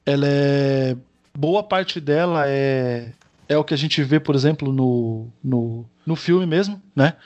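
A man's voice: mid-range voice, a little mellow, lo-fi sound. A man with a Brazilian Portuguese accent, talking casually and animatedly about films and comics, full of slang, restarts and filler tags. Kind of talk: casual chat.

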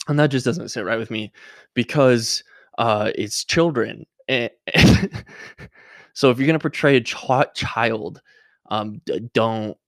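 A man's voice: on the low side, vocal fry, no room sound, clean studio sound. A young man talking casually in a sarcastic, rambling vlog monologue full of fillers. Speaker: social media creator.

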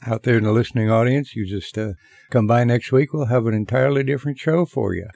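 A man's voice: mid-range voice, quick pace, gravelly, a little mellow, no room sound, clean studio sound, lightly acted. A man playing a plainspoken old farmer co-hosting a comedy show, blunt and folksy. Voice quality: blunt folksy rural talk. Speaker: co-host. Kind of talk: comedic character banter.

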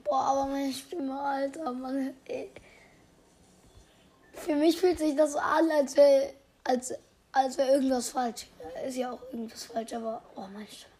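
A hoarse teenage girl with a high, cracking voice that sits on the mellow side. She chats through a game in loud, slangy bursts and sometimes drops to a whisper. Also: fairly even intonation, measured pace. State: strained, cracking voice. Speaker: gaming podcast host. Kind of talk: casual gameplay commentary.

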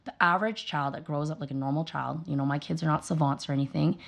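In a casual interview, the guest, a mother and dental hygienist in her thirties, tells earnest stories at a fast clip and acts out the lines of dialogue with animation. Her voice sits low and has vocal fry.

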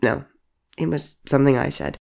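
C J is an eighteen-year-old who deflects with dry jokes and puts themself down, as a narrator puts them on. The voice is mid-pitched with a gravelly grain. The scenes come from a read-aloud story. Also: fairly even intonation, normal speed, darkish tone, lightly acted. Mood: wry. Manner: wry jokes over hidden hurt. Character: self-deprecating young person named C J, age eighteen. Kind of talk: audiobook character voice.

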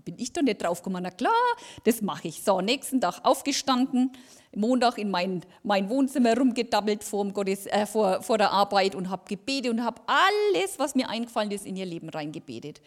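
A woman giving a lively personal testimony at a church service, acting out the dialogue as she tells it. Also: mid-range voice, a little fast. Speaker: lay speaker giving a testimony.

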